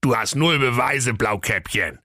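A man voicing a sly, defensive big bad wolf in a gravelly, dismissive way. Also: mid-range voice, animated, a little slow, sharp tone, dry recording, studio quality, voice pushed up. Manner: gravelly, dismissive, casual colloquial.

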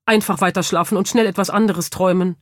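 A woman narrating a children's audiobook with lively, expressive storytelling. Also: fairly low pitch, fast talker, no room sound, clean studio sound.

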